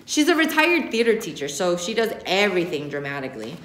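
Very animated and brisk, a lowish, slightly bright female voice reads a young adult novel with feeling. She's an American teacher in a roomy indoor classroom, recorded by a camera a short distance away.

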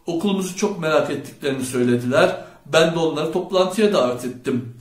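A man's voice: on the high side, fast, close to an everyday voice. A man voicing a cocky teenage boy ringleader. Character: bold charismatic teenage boy leader. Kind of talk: audiobook character voice. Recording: roomy echo.

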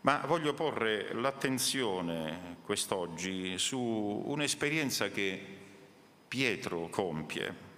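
A male pastor reads scripture and prays slowly and deliberately. His voice is bright and forward, and it rings out through a church hall with a long reverb. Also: on the low side, lively intonation, slight background noise. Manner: slow, measured reading and prayer. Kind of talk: sermon with scripture reading and prayer. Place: church hall during a worship service.

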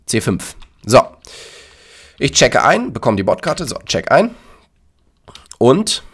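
A man casually commenting on his Minecraft build and explaining it to his viewers. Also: medium pitch. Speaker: YouTuber demonstrating a Minecraft build.

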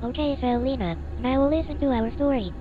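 A woman voicing a gentle, conciliating female moon in an animated space story. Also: high voice, brisk, close to an everyday voice. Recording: dull lo-fi sound with music behind.

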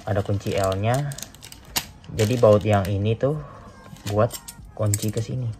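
Over a noisy background, a young Indonesian man speaks in a fairly low, unhurried voice while reviewing a phone holder next to his motorbike in a small room. It's a chatty Jakarta-slang unboxing, and he addresses his audience as "guys."

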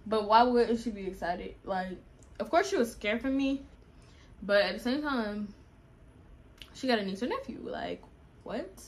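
A woman's voice: on the high side, lively intonation, measured pace, pauses often. A young woman, casually telling a personal story to her viewers at home and calling them y'all. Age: young adult. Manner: chatty, addresses viewers as y'all. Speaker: vlogger.

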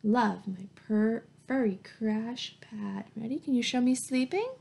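A woman in her thirties, acting as a teacher, reads a picture book aloud to young children in an encouraging, sing-song way, asking simple questions and giving praise. Her voice is a little high and a little slow, mellow with some vocal fry. She's in a small, plain room at home, picked up by a webcam or laptop mic at arm's length.

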